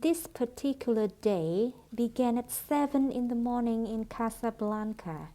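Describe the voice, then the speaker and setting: A woman teaching English pronunciation, reading phrases aloud at a slow, unhurried pace. Her voice is soft and mellow. She models each phrase deliberately for students to repeat. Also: a little high. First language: Vietnamese. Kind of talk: pronunciation drill lesson.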